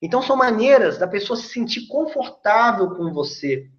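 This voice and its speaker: Brazilian sales coach with a lively voice. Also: male voice, high-pitched, moderate pace. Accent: Brazilian Portuguese. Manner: chatty, persuasive, explanatory. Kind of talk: casual video lesson. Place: seated indoors facing camera. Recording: roomy dull lo-fi recording.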